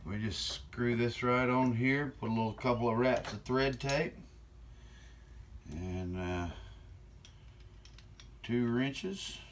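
A middle-aged man talks in a casual, unhurried way as he works with his hands. His words are slightly slurred, and his pitch sits in an average male range. He is recorded a step or two from the camera in a workshop, with faint noise behind him. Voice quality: slightly slurred from one-sided mouth weakness. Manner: unhurried, talking while working with hands. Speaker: channel host. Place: cluttered indoor workshop. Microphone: camera on bench a step or two away.

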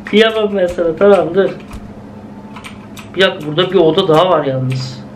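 Young guy, high voice, jumpy lets-play chatter, faint noise behind. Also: brisk. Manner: chatty, jumpy, exclaims at scares, talks to viewers. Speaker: gaming video host. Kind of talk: casual let's-play commentary.

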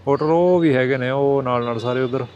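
A man's voice: medium pitch, a little fast, a little mellow, lo-fi sound. A man giving casual running commentary as a travel vlogger out on the road. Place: outdoors and on the road. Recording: clear outdoor traffic noise.

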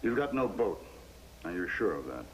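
An actor playing a hard, guarded businessman on the run from the law in an old television drama, speaking in a clipped, quietly threatening way. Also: deep voice, sing-song, normal speed, poor audio. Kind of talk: 1950s television drama acting. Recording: old television recording with audible hiss.

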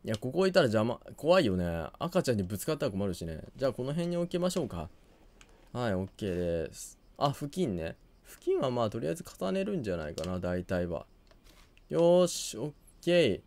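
A hoarse man giving quiet, low-key commentary on a game he is playing, muttering to himself as he goes. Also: sing-song, brisk. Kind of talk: quiet let's-play commentary.

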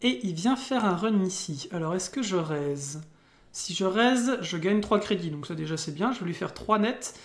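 French accent, card game commentary, casual, hesitant with fillers, mid-pitched voice, echoey room. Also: lively intonation, normal speed. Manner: hesitant, many fillers and restarts. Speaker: card game player commentating own match. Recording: roomy, echoing room.

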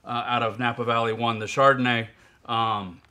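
A man's voice: medium pitch, fairly even intonation, moderate pace, pushed and bright, clear, resonant tone. A man hosting a casual wine-tasting chat, talking in a rambling way with many fillers and restarts. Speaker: wine presenter. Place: indoors at a zoo building.

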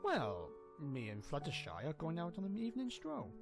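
A man voicing a caring, slightly sly young unicorn prince in an animated fan drama, casual and a little hesitant. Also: on the high side, moderate pace, over music. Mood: suave, teasing.

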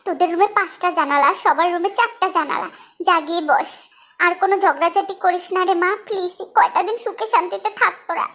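A woman's voice: very high-pitched, quick pace, a bit bright. A woman voicing a bossy but soothing village mother-in-law who scolds, then coaxes. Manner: scolding, then coaxing in dialect.

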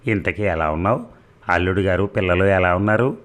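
A talkative, nosy aunt from a comic audio story, always pressing with fussy questions. Her voice sits very low and plain, as a man reads her part. It is a storybook voice with little put-on colour. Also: a little fast, a bit bright. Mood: prying.

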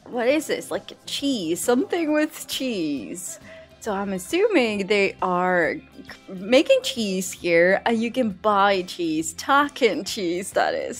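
A woman with a French accent, hosting her channel and narrating a game tour in a chatty, enthusiastic way, thinking aloud as she explores. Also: mid-range voice. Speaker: channel host. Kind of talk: upbeat game tour commentary.

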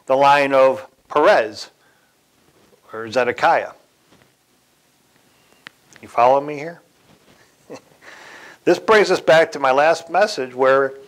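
A man giving a sermon in a deliberate way, pausing, correcting himself and chuckling now and then. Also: a little high, fairly bright tone, low-quality recording. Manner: slow, deliberate delivery with occasional chuckles and self-corrections. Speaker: church speaker.

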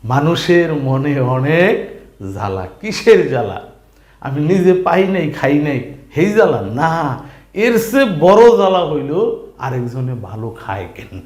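Lively man teaching spelling. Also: fairly high pitch. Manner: lively, asks questions and answers them, drawls syllables. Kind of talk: spelling lesson. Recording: echoey room.

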